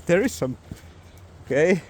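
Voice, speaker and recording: Nervous, slow-talking man inside a concrete bunker. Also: a little high, lively intonation. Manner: hesitant, nervous. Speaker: vlogger exploring. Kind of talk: casual chat while exploring. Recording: clear ambient noise inside concrete bunker.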